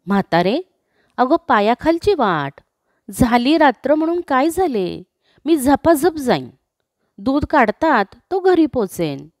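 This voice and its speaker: A woman's voice: high-pitched, sing-song, takes it slowly, no echo, clean studio sound, pitched above the performer's own voice, full character voice. A woman voicing a bold village landowner who brushes off a warning and later begs robbers to spare him, in a storybook reading. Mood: boastful. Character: fearless landowner man, later begging for his life.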